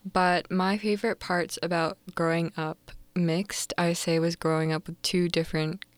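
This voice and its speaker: Young woman from Canada, casual chat, slightly low, dry. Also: little pitch movement, moderate pace, dry recording. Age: young adult. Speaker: co-host. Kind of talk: casual campus radio chat.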